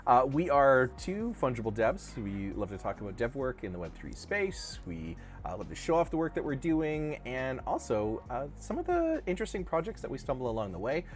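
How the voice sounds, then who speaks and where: A middle-aged man chats on a livestream with an animated, bouncing pitch, joking along and often restarting his sentences. Faint music plays underneath his voice. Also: normal speed, few pauses. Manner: rambling, self-correcting, jokey. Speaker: co-host of a crypto dev livestream. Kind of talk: casual livestream chat.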